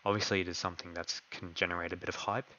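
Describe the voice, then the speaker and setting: A man's voice: low voice, level tone, very fast, pushed and bright, highs cut off. A man hosting a live online Q&A who is losing his voice and talks with many hesitations and fillers. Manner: hesitant, heavy on fillers and "kind of". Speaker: crypto project host answering community questions.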